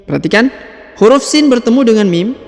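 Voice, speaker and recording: A man's voice: very high-pitched, lively intonation, creaky, long reverb tail, faint music behind. A man teaching Quran reading step by step, patiently explaining each letter and drawing out its length. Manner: patient, explains slowly, ends phrases with "ya"; draws out letter names in chanted recitation. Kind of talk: step-by-step recitation lesson.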